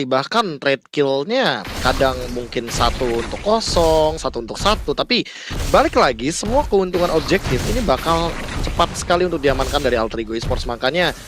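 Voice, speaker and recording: A man with an Indonesian accent giving emphatic live esports analysis, repeating his key phrases. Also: fairly high pitch.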